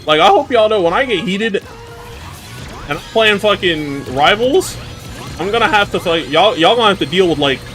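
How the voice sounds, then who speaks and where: A man with a New York accent chatting casually while streaming a racing game, swearing, laughing and reacting loudly. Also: sits high, lively intonation, moderate pace, soft background music. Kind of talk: casual chat while gaming.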